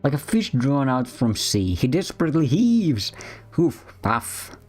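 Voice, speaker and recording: A man's voice: medium pitch, big pitch swings, unhurried, a little mellow, soft background music. Jokey man narrating a game. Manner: jokey, sarcastic asides. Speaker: game streamer. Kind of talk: let's-play narration and commentary.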